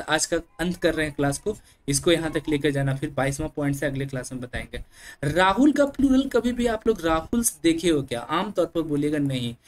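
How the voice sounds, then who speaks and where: A man with a somewhat high-pitched voice gives an English grammar lesson, explaining step by step and often turning to his students as dear children. He pauses now and then to clear his throat. A faint noise runs under the recording. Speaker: English teacher.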